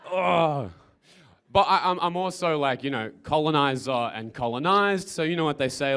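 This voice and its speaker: A man doing a halting, self-mocking stand-up set. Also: fairly high pitch, fairly bright tone, clear, resonant tone. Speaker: stand-up comedian.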